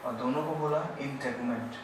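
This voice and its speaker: A man teaching a biology lesson at a board. He explains step by step, asks his class if it is clear, and goes loud and then quiet as he draws. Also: medium pitch, steady tone, fairly quick, recorded from a distance. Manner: loud when explaining, quiet and trailing off while drawing. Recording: very echoey room, voice off-mic, faint background hiss.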